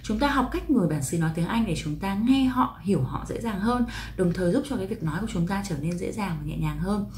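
A woman teaching English pronunciation in a video lesson, explaining patiently and slowly repeating each example. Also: medium pitch, animated, a little mellow, a little hiss or hum.

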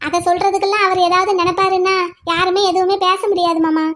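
A woman's voice: very high-pitched, flat delivery, fast, a bit bright. A woman voicing a bold, outspoken young woman law student in a cartoon, arguing firmly point by point. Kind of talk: cartoon voice acting.

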